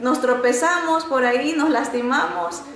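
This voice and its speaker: A woman teaching a Bible lesson through stories, animated and often pausing on "este" and restarts. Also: roomy sound, a crowd in the background. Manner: animated storytelling, often rising in pitch to act out quotes; frequent filler "este" and restarts.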